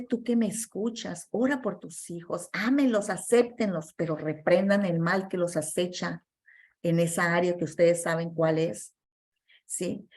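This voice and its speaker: A woman preaching a sermon and telling a testimony in an earnest, emphatic way, with many fillers and restarts. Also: mid-range voice.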